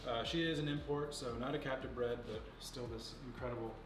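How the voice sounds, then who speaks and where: A young man in his twenties casually showing and explaining snakes in an indoor reptile room, relaxed and knowledgeable, with many fillers. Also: mid-range voice, brisk, recorded from a distance, noisy background. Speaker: facility owner giving a tour. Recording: echoey room, off-mic, music behind.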